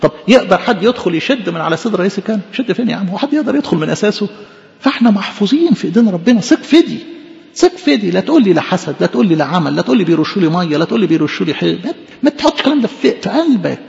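A man's voice: high voice, big pitch swings, racing, vocal fry, a little mellow, in a large hall, highs cut off. A man preaching a fervent sermon as a priest, emphatic and repeating phrases for stress, with an Egyptian accent. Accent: Egyptian Arabic.

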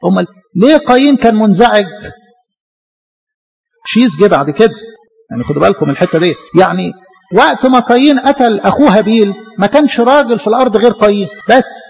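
Egyptian guy preaching, high voice, talks fast, kinda husky, dull muffled sound. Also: lively intonation. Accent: Egyptian Arabic. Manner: fervent, rhetorical questions to the congregation. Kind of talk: sermon.

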